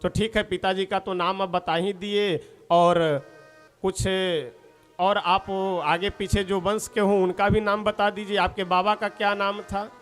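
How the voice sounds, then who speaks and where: A man's voice: high voice, level tone, a little slow, fairly bright tone, soft background music. A man giving a devotional story sermon, playfully explaining word meanings and acting out the characters' lines. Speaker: religious storyteller.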